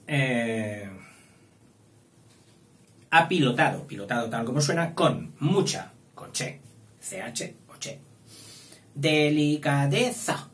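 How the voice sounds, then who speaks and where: A man's voice: mid-range voice, lively intonation, a bit bright. Man dictating, roomy echo. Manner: slow, spelling out words, playful asides. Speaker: teacher. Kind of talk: dictation lesson. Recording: echoey room, distant mic, faint hiss.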